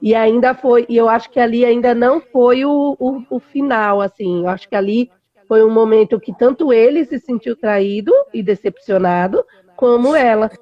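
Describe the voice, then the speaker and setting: Woman host, slightly high voice, casual reflective chat, dry lo-fi sound. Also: normal speed, no echo. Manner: casual and reflective, peppered with "né" and slang. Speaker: host and human development coach.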